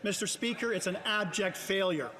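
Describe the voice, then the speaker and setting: A man's voice: sits high, moderate pace, sharp tone. A man giving an emphatic, accusatory political speech as an opposition member. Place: large indoor legislative chamber. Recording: long reverb of large chamber.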